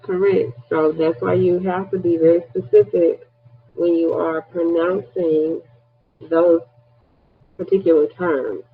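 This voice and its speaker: A man with a high, husky voice explains a lesson step by step, adding a light joke now and then. The sound is thin and tinny, like a phone line. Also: fairly even intonation, unhurried. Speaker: nursing instructor. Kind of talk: online class lecture.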